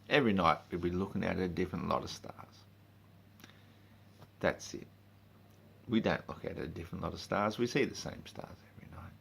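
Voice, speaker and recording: A man in a drunken, rambling, sweary rant, speaking informally and haltingly, with emphatic bursts and muttered asides. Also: sits low, vocal fry, a little hiss or hum. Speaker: monologue speaker.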